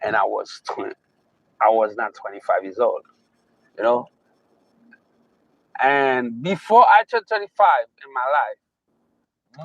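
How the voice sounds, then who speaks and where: A man's voice: mid-range voice, fairly bright tone, husky, no room sound, low-quality recording. A man from Haiti with a Haitian accent, giving a motivational talk, emphatic and fond of repeating his key phrases. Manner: emphatic, repeating phrases, slow drawn-out stresses. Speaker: motivational speaker.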